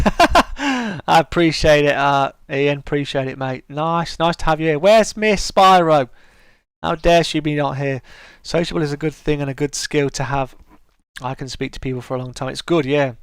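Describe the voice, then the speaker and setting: This studio-quality, dry recording features a middle-aged man with a fairly high, fairly bright, smooth and soothing voice. He chats casually with his live-stream viewers, reading out their comments and responding. He's friendly and talkative, often stammering and restarting.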